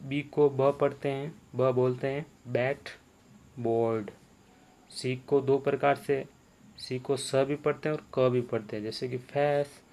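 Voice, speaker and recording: A man's voice: mid-range voice, darkish tone. A man teaching the sounds of English letters, repeating each sound and quizzing the viewer. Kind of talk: spoken language lesson.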